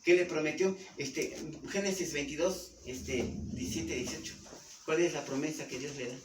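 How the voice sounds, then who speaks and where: Mexican pastor preaching in a roomy hall. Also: male voice, a little high, steady tone, moderate pace. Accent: Mexican Spanish. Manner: teaching with questions to the congregation. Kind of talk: sermon. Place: church hall. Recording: roomy, distant mic with some noise.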